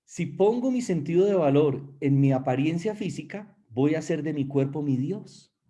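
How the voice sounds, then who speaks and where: A man's voice: fairly high pitch, expressive, moderate pace, mellow. A male pastor delivering a sermon with emphatic preaching. He addresses listeners directly and shifts his pace often.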